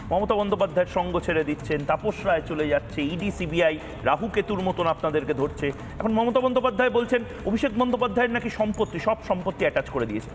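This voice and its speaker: A male news anchor with a high voice runs a heated televised debate. He is sarcastic and combative and keeps cutting in. His voice trails a long reverb. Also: slight background noise.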